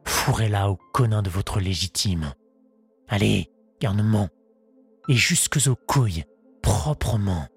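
Read by a man, a haughty baron barks orders in a slow, commanding drawl. His voice sits low and sounds deeply husky and breathy. This is an audiobook character delivered with cold authority. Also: soft background music, heavily acted. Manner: imperious, scolding, instructing. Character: commanding aristocratic male baron, scornful.

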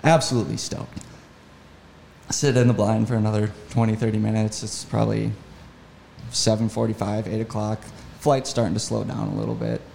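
A man's voice: on the low side, fairly quick, vocal fry, slight background noise. A man telling a story as a podcast guest, in a casual, enthusiastic way. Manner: enthusiastic, animated retelling. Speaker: podcast guest, hunting guide.

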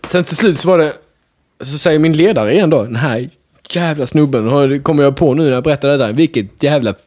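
A young man casually telling a chaotic story to friends, animated, laughing often and swearing freely. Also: on the high side.

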